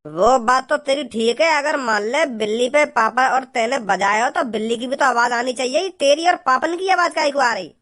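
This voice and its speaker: Actor doing a mocking cartoon village brother, drawling, teasing, high voice. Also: normal speed, few pauses, a bit bright.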